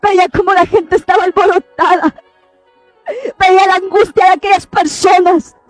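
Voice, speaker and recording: A woman preacher with a very high voice gives an impassioned, tearful testimony. She pleads and sometimes breaks into shouts, but her pitch stays fairly flat. The recording is dry and close, with soft music underneath. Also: moderate pace, no room sound. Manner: repeats "mi amado hermano" to the listener.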